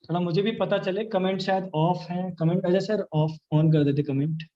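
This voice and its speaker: Energetic high-voiced young man coaching. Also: moderate pace, reverberant, muffled recording. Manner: energetic, coaching, acts out both sides of sample chats. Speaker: online sales trainer. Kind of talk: live online training session.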